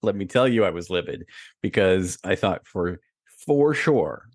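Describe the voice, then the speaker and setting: Very deep-voiced man telling a story. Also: lively intonation, measured pace, no echo, studio quality. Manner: storytelling, laughs often, many fillers. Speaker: podcast co-host. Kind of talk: casual conversation.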